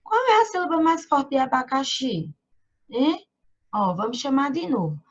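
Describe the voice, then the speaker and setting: A woman teaching young children, talking slowly and patiently, stretching out syllables and checking in with frequent tag questions. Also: high voice, sing-song, lo-fi sound. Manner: drawn-out syllables when sounding out words. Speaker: primary school teacher. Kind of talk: online lesson for young children. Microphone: computer mic during screen share.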